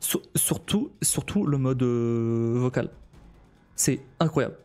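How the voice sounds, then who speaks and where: A man chatting casually on a live stream, his voice mellow and dark in tone. He talks haltingly and keeps restarting his sentences, often breaking into laughter. Soft music plays faintly behind him. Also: mid-range voice, animated.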